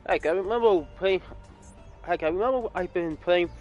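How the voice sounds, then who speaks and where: A gaming YouTuber in his twenties from California gives casual, rambling gameplay commentary, correcting himself along the way. His voice is high and darkish at a moderate pace, with lo-fi sound and faint music behind him.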